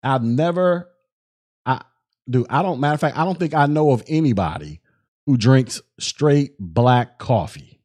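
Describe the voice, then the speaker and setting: Animated young man ranting on his podcast. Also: mid-range voice, unhurried. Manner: animated, repetitive restarts, colloquial slang. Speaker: podcast host. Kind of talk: casual solo commentary.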